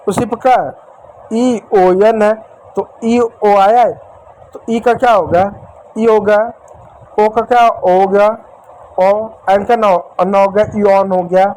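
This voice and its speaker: Man, English teacher, high voice, repetitive, quizzes himself, faint background noise. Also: steady tone, takes it slowly, darkish tone, low-quality recording. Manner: repetitive, asks and answers own questions; addresses viewers as dear children. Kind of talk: whiteboard spelling lesson.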